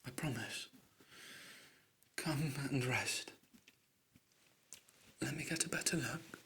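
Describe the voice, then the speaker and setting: A man voicing a tender caretaker in a breathy, hushed, comforting whispered role-play. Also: medium pitch, slow pace, a little hiss or hum.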